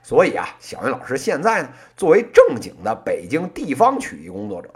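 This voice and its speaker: Animated Beijing-accented solo podcast host, crosstalk style. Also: mid-range voice, brisk. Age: late 30s. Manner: colloquial plain speech with erhua and frequent interjections. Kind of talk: comic monologue in one-person crosstalk style, business commentary.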